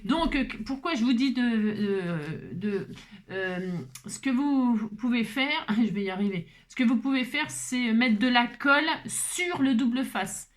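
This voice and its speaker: Woman, craft tutorial host, casual rambling chatter, slightly high voice. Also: measured pace. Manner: chatty, rambling asides, many fillers.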